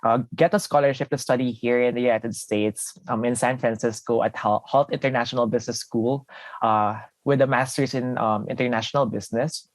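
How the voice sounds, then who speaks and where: A man's voice: mid-range voice, fairly even intonation, fairly quick, no room sound. Young man, podcast guest, earnest, frequent fillers, dry close sound. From Philippines. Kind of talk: casual interview talk.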